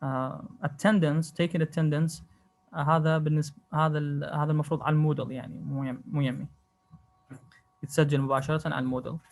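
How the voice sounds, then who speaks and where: A man with an Iraqi Arabic accent, teaching an online English lecture and switching between Arabic and English, with slow, careful English. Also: a little high, flat delivery. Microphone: video call.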